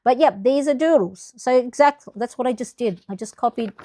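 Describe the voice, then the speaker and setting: This middle-aged Filipino woman hosts a planner livestream, chatting casually and rambling with plenty of fillers and restarts. Her voice sits on the high side, warm and a little fast.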